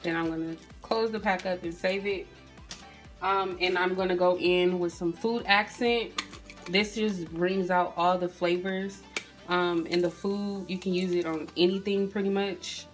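Chatty woman with a low voice. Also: fairly even intonation, measured pace, faint music behind. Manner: chatty, addresses viewers as "you guys" and "y'all", frequent "um". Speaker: cooking vlogger. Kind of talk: casual cooking tutorial narration. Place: home kitchen, indoors. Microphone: phone camera at the stove.

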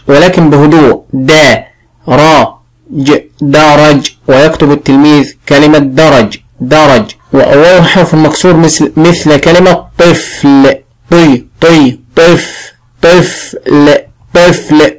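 A man with an Egyptian accent teaching early reading, sounding out syllables slowly and clearly. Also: a little high, low-quality recording. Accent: Egyptian Arabic. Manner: slow, drawn-out sounding of syllables. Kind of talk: classroom phonics lesson.

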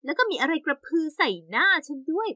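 A young woman narrating an animated story in the first person with lively, exaggerated storytelling. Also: high voice, fast, no room sound, studio quality.

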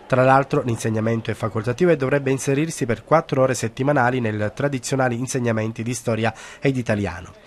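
Fast-paced male news narrator. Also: medium pitch. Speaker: news reporter.

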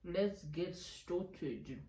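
A woman's voice: fairly low pitch, lively intonation, drawn-out words, dark tone, reverberant, low-quality recording. A South African woman in her twenties chatting casually through a Q&A while eating, laughing often and mixing local phrases into her talk. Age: 20s. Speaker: YouTuber. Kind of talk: casual mukbang Q&A chat. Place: indoor room at home.

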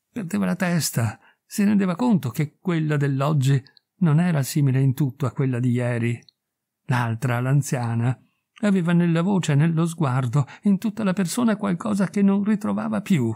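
A man reading a classic short story aloud in measured, expressive narration. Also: on the high side, vocal fry. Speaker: audiobook reader. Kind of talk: scripted literary narration.

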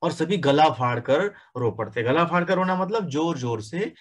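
A man's voice: on the high side, animated, normal speed. A middle-aged man reading a children's story aloud as a teacher, stopping to explain words and grammar.

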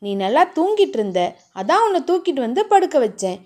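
Woman reading a grumpy young hero, brusque and scolding, lively pitch; audiobook. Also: fairly quick. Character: gruff young man hero, short-tempered.

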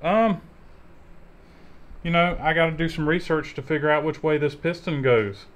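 A man in his thirties with a fairly high voice speaks at a moderate pace. He hosts a mechanic show, chatting casually and easygoing as he rebuilds an engine by hand in his garage workshop.

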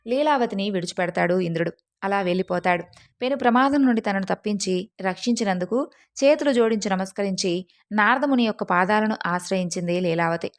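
A woman storyteller narrating a devotional story in a steady, earnest manner. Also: mid-range voice, a little fast.

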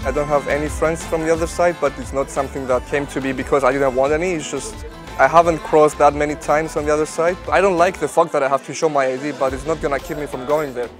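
Twenty-something guy talking calmly at an outdoor cafe, light music under it. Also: on the high side, quick pace. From Cyprus. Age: 20s. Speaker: interviewee, medical student. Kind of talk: casual interview answers. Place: outdoor café terrace. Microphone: lapel mic.

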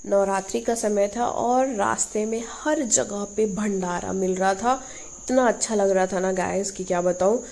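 A young woman tells the story of her road trip in a voice-over. She keeps an easy, relaxed storytelling manner and speaks to her viewers directly. Her tone is soft and warm. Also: mid-range voice, normal speed, creaky. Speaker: vlogger. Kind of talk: voice-over travel narration.

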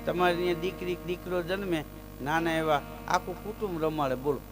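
A man telling folk stories live on stage. He chants verses loudly, then drops into easy chat and lands his punchlines. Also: on the high side, steady tone, fairly quick, music in the background. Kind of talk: live folk storytelling with recited verse and jokes.

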